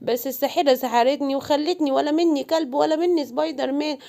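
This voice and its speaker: A woman's voice: high voice, fairly even intonation, fast, gravelly, dark tone. A woman with an Egyptian accent voicing a weakened, pleading male superhero in a children's cartoon. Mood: pleading, frustrated. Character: weakened male Spider-Man, whiny, indignant and pleading.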